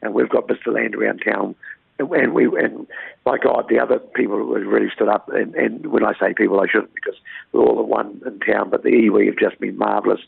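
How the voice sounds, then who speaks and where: A town mayor from New Zealand speaks in a phone interview, his voice croaky and gravelly, on the low side, with a steady tone and fairly quick delivery. He's earnest but rambling, often repeating and restarting words. The tinny phone line sounds dry, with no room sound.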